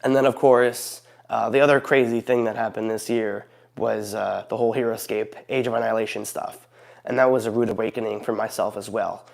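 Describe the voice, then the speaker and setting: A man's voice: fairly low pitch, little pitch movement, fairly quick, vocal fry, a little mellow. A man hosting a casual, unscripted update vlog, with a goofy, rambling manner that often interrupts itself. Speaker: video channel host. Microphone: recorded beside a noisy heating fan.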